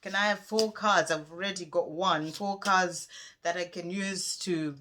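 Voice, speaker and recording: A woman chatting casually on a spiritual vlog, rambling and gentle as she talks through a song and pulls cards. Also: on the low side, fairly even intonation, a little slow. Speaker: spiritual card reader.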